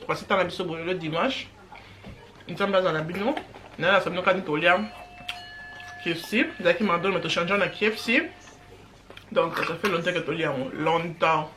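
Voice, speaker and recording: A woman's voice: fairly low pitch, a little fast, long pauses, a crowd in the background. A woman talking casually in a family vlog, switching languages and murmuring while she eats. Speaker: vlogger. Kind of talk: casual family vlog, mixing French and Lingala.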